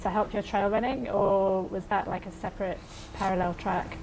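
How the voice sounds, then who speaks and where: A woman's voice: medium pitch, steady tone, moderate pace, a little mellow, a little hiss or hum, poor audio. Woman host asking easygoing questions. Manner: friendly questions with small hesitations. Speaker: podcast host. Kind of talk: casual interview.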